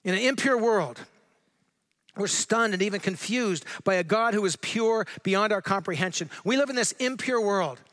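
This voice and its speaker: Preaching in a conversational manner, a middle-aged man from Southern California uses a high-pitched, fairly bright voice. He's a pastor, and he slows his pace to read scripture emphatically.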